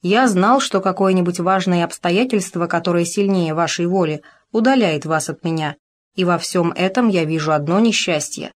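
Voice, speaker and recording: An earnest young officer in a storybook, declaiming his dismay, as a woman reads him aloud. The voice stays low and steady, with no heavy disguise. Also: moderate pace, natural voice. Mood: calm. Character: young male officer, brave then shaken. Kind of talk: audiobook character reading.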